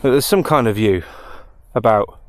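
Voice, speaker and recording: A man's voice: on the low side, expressive, normal speed, a little hiss or hum. A man, out of breath on a foggy outdoor walk, giving wry, self-mocking vlog commentary. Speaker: vlogger.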